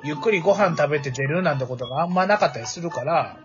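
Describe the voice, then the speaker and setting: A man's voice: a little high, expressive, fast talker, lo-fi sound, over music. A man with a Kansai accent chatting casually as a podcast guest, rambling with many fillers and restarts. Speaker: guest, office worker in sales.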